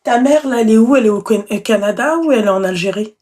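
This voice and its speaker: Woman host of a live call-in show, warm dark tone, questioning and pressing, heard in an echoey room off-mic. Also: fairly high pitch, quick pace, recorded from a distance, slight background noise. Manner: probing, pressing questions, affectionate.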